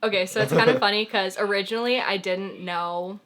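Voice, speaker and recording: A woman's voice: mid-range voice, brisk. Chatty young woman vlogger. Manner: chatty, lots of "like", trailing off softly. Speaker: vlogger host. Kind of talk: casual chat.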